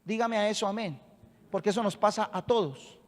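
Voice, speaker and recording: A man's voice: sits high, brisk, big-room sound. A man preaching a sermon as pastor, emphatic and rousing, calling on the congregation to answer back.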